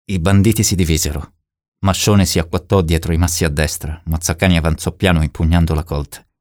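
Low deep male narrator reading a novel, steady pace, dry close sound. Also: fairly quick, no echo. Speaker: audiobook narrator. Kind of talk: scripted narration.

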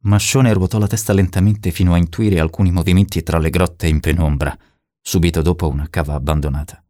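A man reading a novel aloud as narrator in a steady, measured way. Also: low-pitched, no room sound, clean studio sound. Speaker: audiobook narrator. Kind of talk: scripted narration.

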